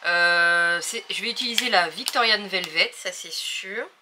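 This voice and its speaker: A woman's voice: fairly low pitch, a little slow, background noise. A woman hosting a casual craft tutorial, talking hesitantly with many fillers as she thinks aloud while working.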